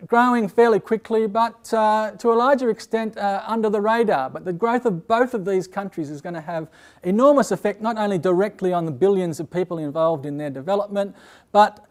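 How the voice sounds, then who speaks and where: Australian man, lecturer, high pitched, measured, pauses with uh. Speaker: university lecturer. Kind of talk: open day presentation.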